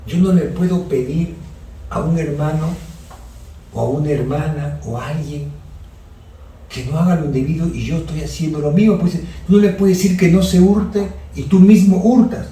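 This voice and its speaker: Distant Peruvian preacher in an echoey hall. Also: male voice, a little high, steady tone, normal speed, warm tone, slight background noise. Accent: Peruvian Spanish. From Peru. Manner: earnest, many fillers and restarts, addresses listeners directly. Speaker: pastor. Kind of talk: Bible study teaching. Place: church hall. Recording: echoey room, voice from far off.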